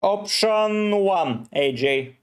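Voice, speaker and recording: A man from Bulgaria with a Bulgarian accent, live streaming and slowly answering viewers' questions one by one. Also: high voice, lively intonation. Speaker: fantasy football streamer. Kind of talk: live stream chat, reading comments.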